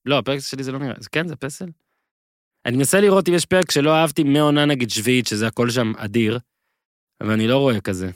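A man co-hosting a podcast in casual chat, rambling and gushing with excited repeats. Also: mid-range voice, dry recording, clean studio sound. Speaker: podcast co-host.

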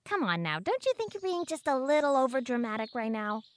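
This is a pompous teenage girl with a menacing calm, voiced by a woman in an audio drama. Her voice sits high. She talks in stiff, overly formal sentences full of big words, always smug and condescending. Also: fairly quick, a little hiss or hum. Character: pompous, coldly menacing 14-year-old girl hunter.

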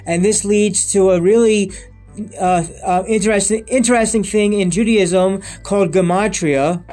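A vlogger in his thirties speaks directly to camera in an unscripted, rambling monologue, repeating himself, restarting often and circling back with emphatic lists. His voice sits high with a darkish tone.

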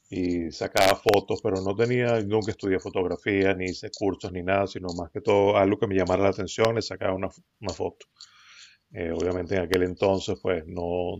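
A middle-aged man with a Venezuelan accent, telling his story as a podcast guest in a relaxed, rambling way with many fillers and restarts. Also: low voice, creaky. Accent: Venezuelan Spanish. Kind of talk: casual conversational storytelling. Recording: dull lo-fi recording.

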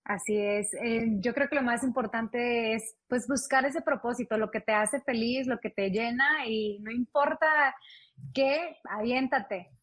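A woman's voice: on the high side, measured pace, fairly bright tone. A woman guest telling her own story in a casual interview chat, laughing now and then.

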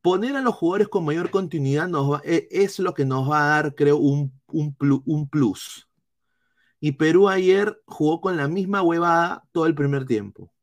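A Peruvian man hosts a live football analysis stream, answering chat comments in a blunt, cursing way. His voice sits a little high for a man, and he stops and restarts often. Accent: Peruvian Spanish. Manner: blunt, swearing, halting restarts.

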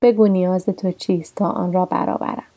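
A woman reading the lines of a calm, kindly male ruler giving orders, in a storybook telling. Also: on the low side, close to an everyday voice. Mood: commanding.

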